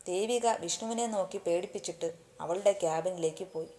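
A woman narrating a romance story aloud in a steady, even reading manner. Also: on the low side, fairly quick.

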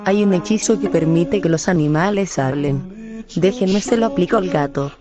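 A woman's voice: lowish voice, moderate pace, close to an everyday voice. A woman playing a gloomy, blunt young girl who casts spells in an amateur horror fan story.

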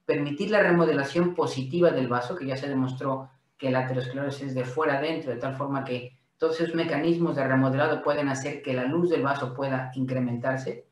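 A man's voice: mid-range voice, steady tone, fairly quick, few pauses, distant mic. Mexican man lecturing over video call. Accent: Mexican Spanish. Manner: explanatory, with frequent fillers. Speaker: guest speaker. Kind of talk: webinar presentation. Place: home office, video call. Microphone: laptop mic on video call. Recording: echoey room, off-mic.

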